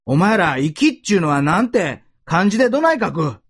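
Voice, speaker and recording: A blunt, gruff veteran band teacher in thick Osaka dialect , as a male preacher puts him on. His husky voice swings widely in pitch as he drills his students. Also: big pitch swings, normal speed, fairly bright tone, full character voice.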